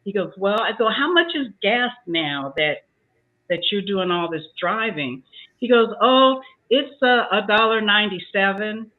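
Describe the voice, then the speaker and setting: This older woman speaks at a medium pitch, expressive and in no rush, while giving casual advice on a talk show panel. She acts out each side of a conversation within her story, and the sound comes through tinny, as if over a phone.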